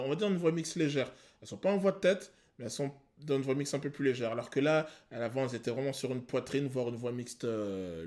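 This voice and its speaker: Guy breaking down singing technique for his viewers, kinda high voice, explains step by step. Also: a little mellow. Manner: explanatory, addresses viewers, sings short demos. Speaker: vocal coach. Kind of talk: vocal analysis video commentary.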